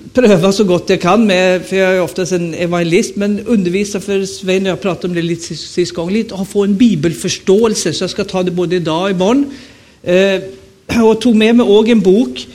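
His voice is high-pitched, a little mellow, with fairly even intonation. He's a Swedish evangelist in his fifties, Stockholm accent, delivering a joking, conversational revival sermon full of questions to the listeners.

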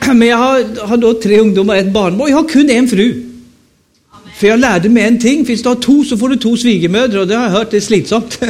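High-voiced joking preacher in his fifties. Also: a little mellow. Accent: Stockholm Swedish. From Sweden. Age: 50s. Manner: joking, chatty, asks the audience questions. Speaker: evangelist. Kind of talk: sermon at a revival meeting.

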